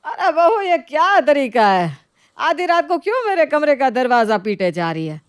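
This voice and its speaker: A woman voicing a sharp-tongued, scolding middle-aged mother-in-law in a voiced story drama. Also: sits high, big pitch swings, normal speed, no room sound, clean studio sound. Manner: sarcastic, nagging.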